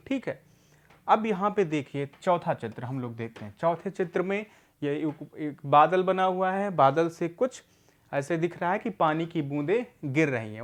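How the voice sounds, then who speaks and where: Patient man teaching a reading lesson. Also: fairly high pitch. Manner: patient, asks questions and answers them himself; repeats words slowly for learners. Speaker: literacy teacher.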